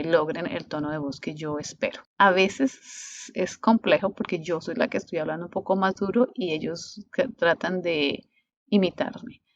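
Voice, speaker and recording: Latin American woman teacher, low voice, patient restarts, dull lo-fi recording. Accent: Latin American Spanish. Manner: unhurried, with frequent restarts. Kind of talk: explanatory teaching talk.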